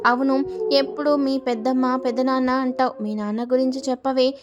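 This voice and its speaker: A spiteful sister-in-law, put on by a woman storyteller, sneers and scolds. Her voice is a little high and stays on a narrow, level pitch. Every line has a sarcastic bite. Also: little pitch movement, a little fast, close to an everyday voice. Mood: sneering.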